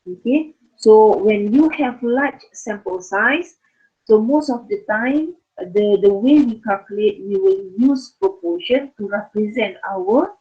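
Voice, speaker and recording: A woman lecturing on statistics in an online class, losing her voice and speaking haltingly with many fillers. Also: medium pitch, lively intonation, breathy edge. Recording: phone-like narrow sound.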